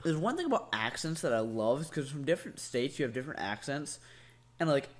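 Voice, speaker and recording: A man's voice: medium pitch, very animated, brisk. A young man co-hosting a casual chat, joking and interjecting. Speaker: podcast co-host.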